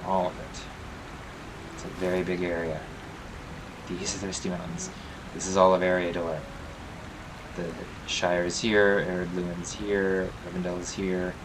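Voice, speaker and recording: Man, very low voice, casual let's play commentary, rambling with fillers, audible game noise behind. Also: little pitch movement, a little slow, pauses often. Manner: meandering, thinks aloud with many fillers.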